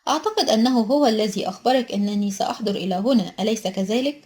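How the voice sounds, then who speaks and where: A wise old wizard headmaster speaks in a calm, measured storybook voice, as a woman reader puts him on. His manner is serious and unhurried. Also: a little high, lightly acted. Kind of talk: storybook reading.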